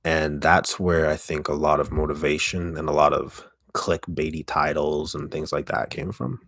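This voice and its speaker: A man with a deep, gravelly voice chats casually on a livestream in a halting way, often interrupting himself, close to the microphone. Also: steady tone, fairly bright tone, no echo. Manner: halting, self-interrupting, mild swearing. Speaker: ASMR streamer hosting a live stream. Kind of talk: casual rambling livestream chat.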